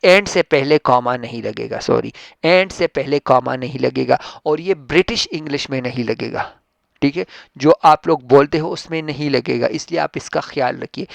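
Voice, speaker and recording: A man teaching an English textbook lesson, explaining patiently and reading English sentences out slowly with emphasis. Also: a little high, creaky, no echo. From Pakistan. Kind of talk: classroom-style textbook lesson.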